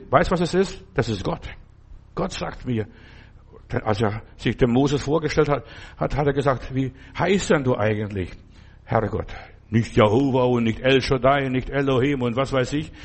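Man preaching with loud repeated proclamations. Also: on the high side, breathy edge. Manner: repetitive, proclaiming, swings between loud outbursts and quiet asides. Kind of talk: informal sermon.

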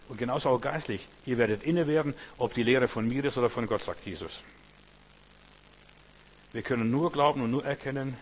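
A man preaching a sermon, emphatic and repetitive, swinging between loud and hushed passages. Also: mid-range voice, breathy edge. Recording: long reverb with faint hum.

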